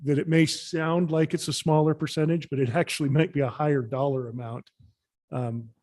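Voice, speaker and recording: A man chairing a city council meeting in a measured, procedural way. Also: a little high, fairly even intonation, a little mellow.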